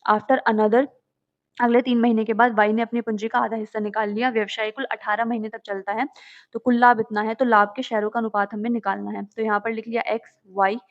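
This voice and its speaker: A woman's voice: fairly high pitch, level tone, a little fast. A woman teaching maths, solving exam questions step by step, asking and answering her own questions and reading each question out in English before explaining in Hindi. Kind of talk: exam solution walkthrough. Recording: dull lo-fi audio.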